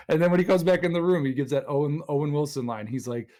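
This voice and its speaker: Excitable man in casual podcast chat. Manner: excited, acts out scenes in jumpy high voices. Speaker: podcast co-host.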